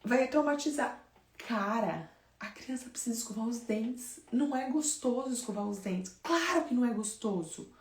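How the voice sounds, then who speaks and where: A woman's voice: fairly high pitch, normal speed, roomy sound, far from the mic. Emphatic woman giving parenting advice. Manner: emphatic, conversational, animated. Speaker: infant sleep consultant. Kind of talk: direct advice talk to parents.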